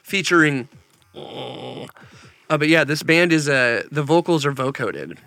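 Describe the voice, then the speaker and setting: A man's voice: on the high side, animated, a little slow, creaky, sharp tone, dry recording, faint music behind. A man co-hosting a podcast in casual chat, laughing often and jumping into playful bits. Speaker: podcast co-host.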